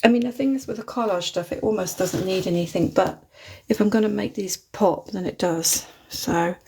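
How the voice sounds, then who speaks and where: With a medium-pitched, slightly creaky and mellow voice at a moderate pace, this craft livestream host chats and rambles at her desk, often chuckling. She's British but not from London by accent, and her overhead phone mic carries a faint hiss or hum.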